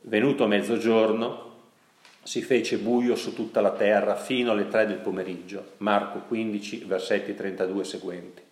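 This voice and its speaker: A priest giving a sermon, telling a story and putting questions to his listeners, often slowing down for emphasis. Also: on the low side, steady tone, echoey room. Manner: storytelling, asks the audience questions, slows down for emphasis.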